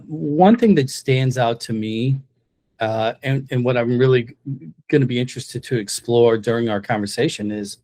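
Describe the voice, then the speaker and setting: A man's voice: mid-range voice, a little mellow. A man hosting a podcast interview, jokey and chatty with many fillers. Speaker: podcast host. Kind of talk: casual interview conversation.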